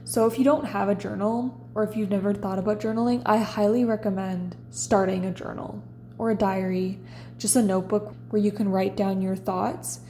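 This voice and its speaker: A woman in her twenties talks in a relaxed, confessional vlog chat. Her voice is mellow and soft-edged, with a little faint hiss underneath. The room sounds noticeably echoey. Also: mid-range voice. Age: 20s. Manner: relaxed, chatty and confessional, reading her diary entries aloud. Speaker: vlogger. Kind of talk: casual chat.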